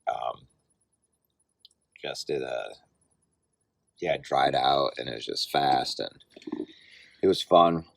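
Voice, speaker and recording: A man's voice: rumbling low, slow pace, creaky, pauses often, no room sound. A tired, sore man in his forties, rambling in a laid-back, self-deprecating way as he records a casual outdoor video diary. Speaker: vlogger and amateur cyclocross racer.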